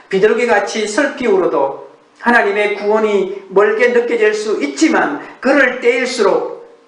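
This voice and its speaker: A male pastor giving an earnest, measured early-morning sermon, asking rhetorical questions in a church sanctuary. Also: high-pitched, recorded from a distance. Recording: echoey room, voice from off the mic.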